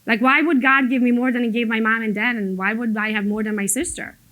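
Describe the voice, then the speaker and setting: In a low-quality recording, a woman with a fairly high, fairly bright voice talks briskly with fairly even intonation. She's a motivational business coach addressing a group, using blunt, emphatic, casual storytelling and a bit of mild cursing. Originally from abroad, she emigrated to the US as an adult and doesn't speak English as her first language.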